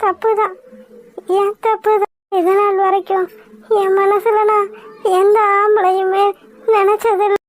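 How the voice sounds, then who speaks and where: A woman voicing a young lovesick village woman in a cartoon, with a high, squeaky, weepy voice. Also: little pitch movement, a little slow, pauses often, dry recording, faint music behind. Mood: tearful. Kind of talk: cartoon voice acting.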